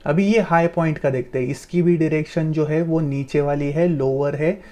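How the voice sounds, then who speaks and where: Patient, mellow-voiced male chart tutor. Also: a little high, normal speed. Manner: explains patiently, repeats terms, often says "dosto"; mixes English terms into explanations. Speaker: trading instructor. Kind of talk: screen-recorded chart tutorial.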